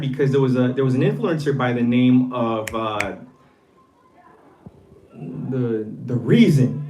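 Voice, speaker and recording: A man hosting a podcast, delivering a heated, profane rant and mocking others in a low voice. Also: poor audio. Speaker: podcast host. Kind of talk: profane ranting monologue.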